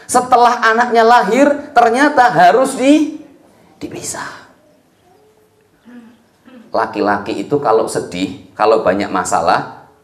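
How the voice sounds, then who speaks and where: A man with a Javanese accent preaching a sermon, telling a story in a lively way with folksy asides to his listeners. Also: medium pitch. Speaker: Islamic preacher. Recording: echoey room.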